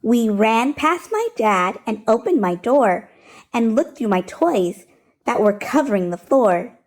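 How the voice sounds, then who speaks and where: Reading a rhyming picture book at storytime, a woman with a fairly high voice takes an unhurried pace. She makes it expressive and rhythmic, with a sing-song lilt.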